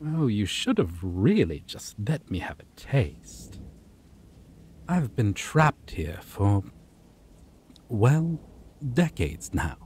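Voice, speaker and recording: In an ASMR roleplay, a man voices a possessive, menacing male vampire, speaking low and teasingly and sometimes dropping into whispers. His voice is mellow, with a little hiss or hum in the background.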